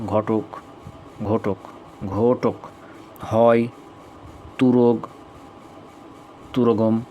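Slow, flat-voiced young man listing words. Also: on the low side, a little hiss or hum. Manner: slow, deliberate listing with casual asides. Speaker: grammar study video maker. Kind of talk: reading out synonym lists for revision.

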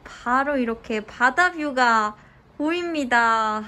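A woman with a high voice records a casual solo travel vlog. She chats to herself, with muttered asides between remarks to the viewer. Clear outdoor and vehicle noise runs behind her. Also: lively intonation, takes it slowly, pushed and bright. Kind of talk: casual vlog chat, often talking to herself. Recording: noisy street and vehicle ambience.

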